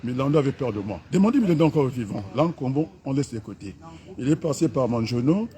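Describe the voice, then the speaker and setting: A middle-aged man from the Republic of the Congo. He gives an impassioned, mocking political rant outdoors, filmed on a camera held by a companion, with sudden loud outbursts. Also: mid-range voice, animated, quick pace. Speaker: political activist.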